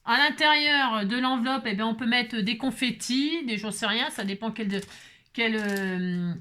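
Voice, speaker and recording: Chatty, laughing woman crafter, higher voice. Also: a little slow, sharp tone. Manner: chatty and self-mocking, jokes and laughs often; repeats words, talks directly to viewers. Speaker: craft channel host. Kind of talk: casual crafting tutorial.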